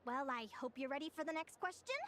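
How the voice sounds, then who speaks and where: In a video game, a woman voices an eager, bubbly young guild advisor who lectures with gushing enthusiasm. Her voice is high and lively, her pace quick, and the recording is very noisy, with the game soundtrack playing behind her.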